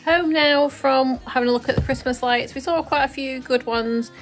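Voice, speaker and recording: A woman's voice: high voice, moderate pace, soft background music. A British woman from the UK chatting casually to camera for her vlog, talking through her day as she goes. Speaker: vlogger.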